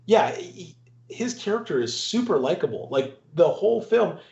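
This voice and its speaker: A man's voice: on the high side, very animated, normal speed, creaky, a little mellow. A man hosting a podcast in casual movie talk, rambling and restarting, often laughing. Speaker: podcast host. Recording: roomy, dull recording.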